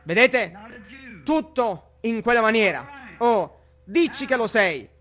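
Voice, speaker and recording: A man's voice: very high voice, very animated, slow, fairly bright tone. A man preaching a fervent sermon with exclamations, on a dull lo-fi recording.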